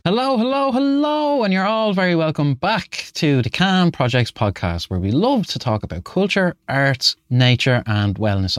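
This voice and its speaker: A man's voice: fairly low pitch, dry recording, clean studio sound. A man hosting a podcast, welcoming listeners in a cheerful, singsong way. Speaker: podcast host. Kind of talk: podcast intro. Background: loud music.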